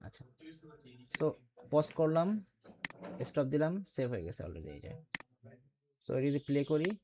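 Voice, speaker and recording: A man's voice: on the high side, big pitch swings, moderate pace, noisy background. A man teaching a computer class, explaining step by step and quizzing his students with questions. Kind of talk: classroom lecture.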